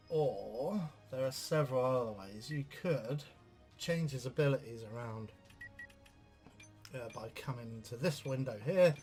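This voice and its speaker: A man giving casual let's-play commentary on a game, rambling with lots of filler sounds. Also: mid-range voice. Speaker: game reviewer.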